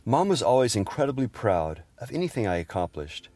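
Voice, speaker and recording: A middle-aged man fondly narrating humorous family memories in a gentle storytelling manner. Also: medium pitch, very animated, fairly quick, over music. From Houston, Texas area. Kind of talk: personal memoir narration.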